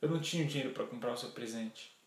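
Man as a gentle, subdued father, quiet and soft, echoey room. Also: medium pitch, fairly even intonation, a little fast, creaky, natural voice. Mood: gentle, sad. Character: gentle, downcast father of two girls.

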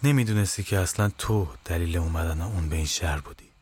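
A man voicing a grave grown man who speaks quietly and somberly in a storybook podcast. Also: sits low, soft background music, close to an everyday voice.

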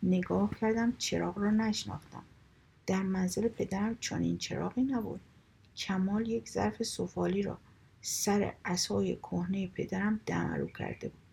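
A woman narrates a comic short story with dry, wry timing and slips some asides into a half-whisper. Her voice is very breathy and husky, with a gravelly fry and a dark, mellow tone. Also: mid-range voice, fairly even intonation. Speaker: story reader.

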